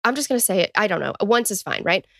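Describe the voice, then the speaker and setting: A woman's voice: mid-range voice, sing-song, quick pace, vocal fry, fairly bright tone, no echo, studio quality. A woman co-hosting a casual true-crime podcast, joking and teasing between reading case background. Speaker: podcast co-host.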